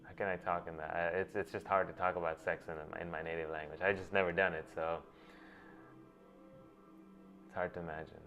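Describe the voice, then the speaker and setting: A man speaks fairly quickly in a low, level, slightly bright voice, pausing often. As host, he thinks aloud in a reflective monologue and keeps restarting phrases while working through ideas; Gujarati is his first language. The recording is dull lo-fi with faint music.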